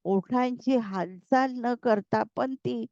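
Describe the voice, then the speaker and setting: A woman's voice: a little high, slow pace, a little mellow, no echo, highs cut off. A woman doing a stubborn, protesting young husband. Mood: insistent. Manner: insistent, protesting.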